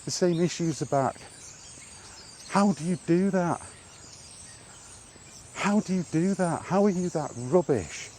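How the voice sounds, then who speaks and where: Speaking slowly and pausing often, this British man has a high, slightly mellow voice. He rants off the cuff like a gaming vlogger out walking, exasperated and swearing, firing repetitive rhetorical questions, and the outdoor recording carries clear background noise.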